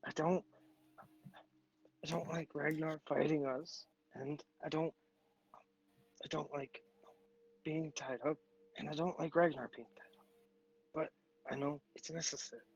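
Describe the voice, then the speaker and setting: A man voicing a frightened, confused young girl in a gravelly put-on voice, halting and repeating himself. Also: fairly high pitch, fairly even intonation, muffled recording. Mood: uneasy. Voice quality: attempted gravelly voice.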